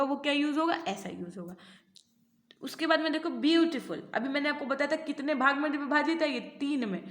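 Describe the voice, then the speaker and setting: An Indian woman teaching an online class, explaining patiently in Hindi and reading English passages slowly aloud. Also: high-pitched, fairly bright tone, reverberant. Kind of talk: online lecture.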